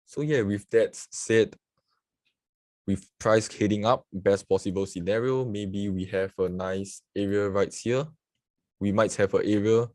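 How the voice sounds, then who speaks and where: Speaking a little slowly in a low, darkish voice with fairly even intonation, a man from Singapore hosts a forex trading livestream with no echo. He casually explains chart examples while screen-sharing his market analysis, tossing in "so yeah" often and welcoming viewers from the chat.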